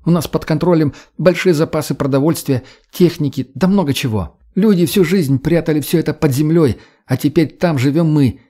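A man's voice: on the high side, a little fast, hardly any pauses, voice pushed up, natural voice. A man voicing a sneering young redheaded woman. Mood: defiant. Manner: mocking, sharp-tongued. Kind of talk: audiobook character voice.

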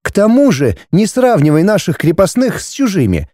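A man voicing a haughty, scornful aristocratic wife and mother in an audiobook, raising his voice into a high, dismissive tone. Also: wildly swooping pitch, normal speed, warm tone, no room sound, studio quality, exaggerated voice. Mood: indignant. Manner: shrill, dismissive, indignant.

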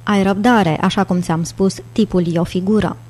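A woman's voice: medium pitch, fairly even intonation, darkish tone, lightly acted. A woman reading an audiobook, voicing a patient male professor with a restrained, dry manner. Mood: wry.

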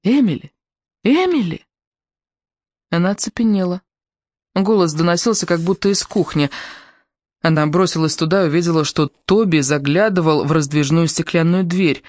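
An audiobook reader narrating a thriller in a tense, even manner. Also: mid-range voice, brisk, no echo, studio quality. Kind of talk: scripted narration.

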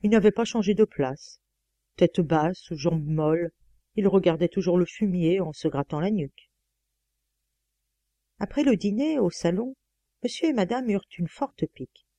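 A woman reads a first-person novel aloud in a lively, exclamatory storytelling style. Her voice is mellow and on the darker side. The close microphone gives a dry sound with no room echo. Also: lowish voice, measured pace, long pauses. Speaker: audiobook reader.

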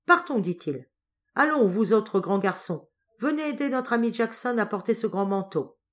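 Storybook: woman doing kindly old general, affectionate but commanding, mid pitch. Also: animated, moderate pace, lightly acted. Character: warm-hearted old male Russian general.

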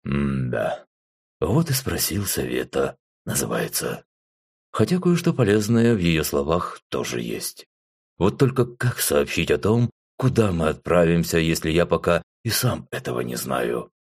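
A man's voice: extremely low pitch, big pitch swings, a little slow, husky. A man reading a first-person fantasy audiobook in a wry, sighing tone. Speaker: audiobook narrator.

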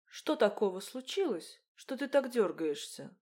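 A woman voicing a gruff, protective young man in an audiobook, speaking in curt, growling demands. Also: mid-range voice, very animated, a little slow, darkish tone. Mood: concerned. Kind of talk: audiobook character voice.

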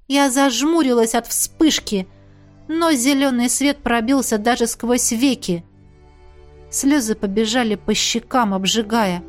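A woman narrating a fantasy novel in the first person. She reads expressively and lets the emotion of the story come through. Her voice sits a little on the high side. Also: measured pace, faint music behind. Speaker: audiobook narrator.

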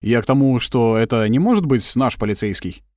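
A man voicing a young male agent in his twenties who asks plain, earnest questions at an unhurried pace. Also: medium pitch, lively intonation, darkish tone, no room sound, studio quality, natural voice. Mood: curious.

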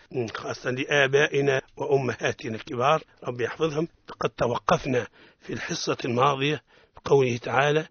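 A man's voice: mid-range voice, fairly bright tone, breathy edge, no echo. Man, tunisian arabic accent, radio quran teacher, emphatic syllable drilling, dry lo-fi sound. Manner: corrects and drills pronunciation, repeating syllables emphatically. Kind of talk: radio lesson on Quran recitation.

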